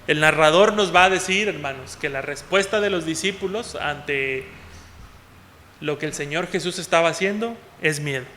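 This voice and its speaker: A man preaching a sermon as pastor, often calling out to the congregation as "hermanos" and moving between loud and soft passages. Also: fairly high pitch, normal speed, a little hiss or hum. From Mexico. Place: church hall. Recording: long hall reverb.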